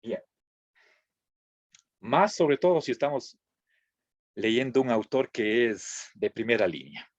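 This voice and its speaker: A man teaching a philosophy class, pausing to check in with his students and restarting phrases as he goes. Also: mid-range voice, animated, no echo. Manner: checks in with frequent "¿sí?", halting restarts. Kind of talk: classroom lecture. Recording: dull lo-fi dry recording.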